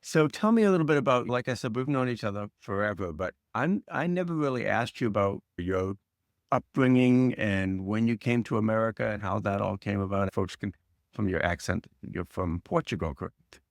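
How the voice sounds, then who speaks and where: A man's voice: fairly low pitch, expressive, normal speed, no echo, clean studio sound. A middle-aged man hosting a podcast interview, friendly and encouraging in casual chat. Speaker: podcast host.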